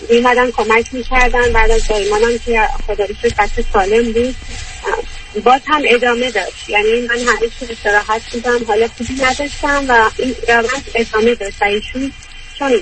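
A woman's voice: fairly high pitch, fairly even intonation, a bit bright, a little hiss or hum. Woman caller on a distant phone line. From Iran. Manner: halting, long roundabout telling. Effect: voice heard over a phone line on a radio call-in. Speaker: caller to a radio advice show. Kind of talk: call-in consultation. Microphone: hand-held phone.

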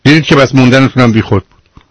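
A man's voice: mid-range voice, husky, no room sound. A man hosting a radio call-in advice show, lecturing bluntly and cutting in on the caller.

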